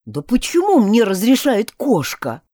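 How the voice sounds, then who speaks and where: Female reader as a whiny big young male dog, sulky, storybook, lively pitch. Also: unhurried, no echo, clean studio sound, heavily acted. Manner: sulky, complaining.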